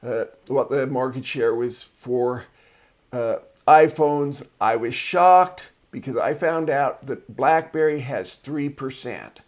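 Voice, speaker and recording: Male host of a marketing show with a mid-pitched voice, chatty and digressive, casual solo talk with personal anecdotes. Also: takes it slowly.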